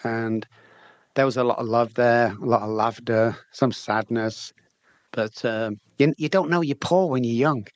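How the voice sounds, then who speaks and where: An addiction recovery specialist in middle age, speaking in a Manchester accent, shares his story openly as an interview guest, chatting unhurriedly in a mid-range voice and repeating words as he restarts. The audio is dull, with no echo.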